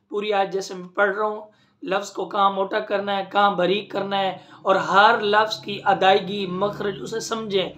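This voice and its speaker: A man teaching Quran recitation, explaining patiently and chanting drawn-out melodic examples. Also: sits high, a bit bright. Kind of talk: religious lesson with chanted recitation.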